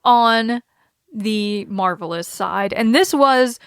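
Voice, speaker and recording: A woman's voice: on the high side, slow pace, clear, resonant tone, no room sound, clean studio sound. A woman hosting a wrestling podcast, chattily recapping matches in casual talk and laughing often. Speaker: podcast host.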